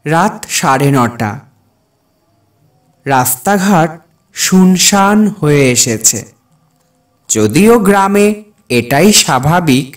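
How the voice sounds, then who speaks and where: Playing a kind, earnest village doctor, a man narrates a dramatic cartoon ghost story in the first person as both narrator and lead character. His voice is a little high and animated, delivered at a slow pace with long pauses and a reflective mood.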